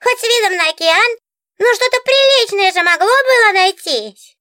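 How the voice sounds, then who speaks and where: A spoiled, whiny talking book. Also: female voice, extremely high pitch, expressive, moderate pace, pushed and bright, no echo, clean studio sound, pitched above the performer's own voice, exaggerated voice. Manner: whiny, affected, pouty. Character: spoiled capricious talking book, female diva. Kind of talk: audiobook character voice.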